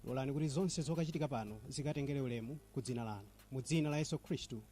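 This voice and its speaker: A man with a Malawian accent leads a public prayer. He moves quickly through it in a mellow, relaxed voice of middle pitch. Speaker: volunteer leading prayer.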